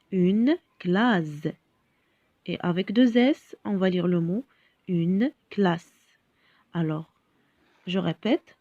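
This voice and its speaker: A woman teaching a French spelling lesson, speaking slowly and carefully, repeating each word and spelling out the letters. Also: mid-range voice, a little mellow, dry recording. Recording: dull lo-fi sound, dry.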